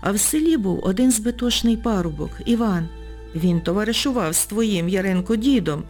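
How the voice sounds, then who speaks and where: A woman reads a story aloud in an even, mid-range voice, measured and expressive. Soft music plays faintly behind her. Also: medium pitch. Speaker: narrator. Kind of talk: audiobook reading.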